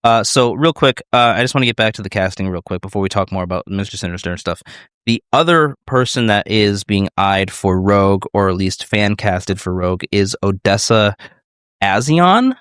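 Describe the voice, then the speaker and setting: A man's voice: on the low side, lively intonation, normal speed, fairly bright tone, clean tone, no echo, clean studio sound. A man co-hosting a podcast in casual chat, rambling and hesitant with many fillers. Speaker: podcast co-host.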